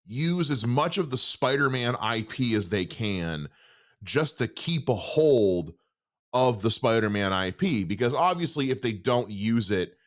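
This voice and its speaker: A man hosting a trailer reaction show, ranting in exasperated, animated commentary. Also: medium pitch. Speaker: host.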